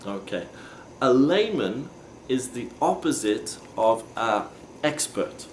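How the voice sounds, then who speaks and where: A man teaching English phrases, explaining slowly and patiently and acting out example questions. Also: mid-range voice, very animated, a little mellow, slight background noise. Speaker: language teacher. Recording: echoey room with faint ambience.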